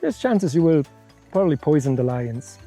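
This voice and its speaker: A man's voice: a little high, sing-song, moderate pace, dark tone, soft background music. A middle-aged man from Europe, founder of a conservation center, answering interview questions frankly and laying out worked examples.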